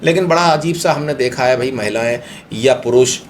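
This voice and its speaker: A middle-aged Indian man speaks at a normal pace in a mid-range voice, appearing as a guest in an unscripted interview. He explains philosophical ideas through everyday examples, with slight background noise behind him.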